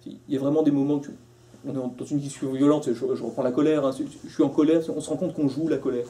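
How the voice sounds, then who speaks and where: A man's voice: medium pitch, fairly even intonation, fast, dark tone. A man teaching a philosophy class, talking freely and acting out little quotes with many restarts. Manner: conversational, with restarts and acted-out quotes. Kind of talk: live lecture to a class.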